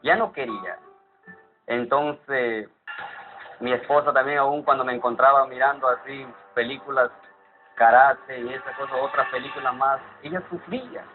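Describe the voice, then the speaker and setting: A man giving an earnest, halting personal testimony. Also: medium pitch, fairly even intonation. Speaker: church member giving testimony. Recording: tinny phone-like sound with music behind.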